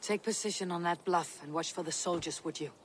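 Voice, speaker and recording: Measured, determined Viking warrior woman played by an actress. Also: on the low side, a little hiss or hum, lightly acted. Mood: firm, businesslike. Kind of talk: video game cutscene acting.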